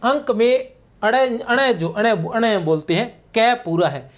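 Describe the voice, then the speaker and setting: A man's voice: high-pitched, expressive, slow pace. Patient man teaching a grammar lesson. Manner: patient, repetitive explaining, frequent "theek hai na" checks. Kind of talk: exam-prep grammar lesson.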